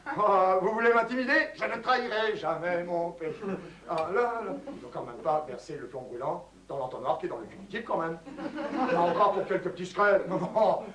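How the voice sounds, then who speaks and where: A man's voice: sits high, a little fast, a bit bright, distant mic. A man playing a pompous, boastful patriotic captive who brags of loyalty and breaks into frantic pleading. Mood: panicked. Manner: pompous bragging, turning into frantic panicked pleading. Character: boastful patriotic male captive who cracks under torture. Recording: echoey theatre hall.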